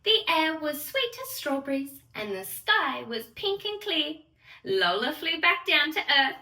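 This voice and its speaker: In a theatrical sing-song, a woman reads a bedtime story to small children and addresses them directly, her high, bright voice forceful, a little slow, and full of big pitch swings. The recording has a roomy echo and a distant microphone.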